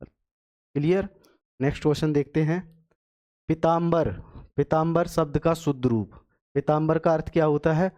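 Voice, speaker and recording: A man's voice: on the high side, fairly even intonation, mellow. Patient male Hindi exam teacher. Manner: patient, repeats words slowly and checks with "clear?". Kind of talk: exam-prep lesson.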